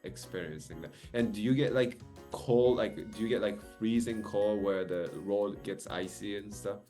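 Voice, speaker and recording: Deep-voiced man interviewing, lots of fillers. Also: normal speed, mellow, soft background music. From Japan. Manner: rambling, many fillers and restarts. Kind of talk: casual video-call interview.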